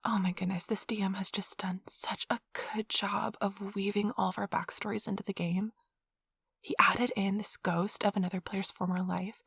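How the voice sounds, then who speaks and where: A woman plays a nerdy, affectionate girlfriend in an ASMR roleplay, gushing giggly and chatty about tabletop gaming in intimate, casual rambling. Her mid-range voice is soft, breathy and slightly husky. A close mic captures it dry, with no room sound.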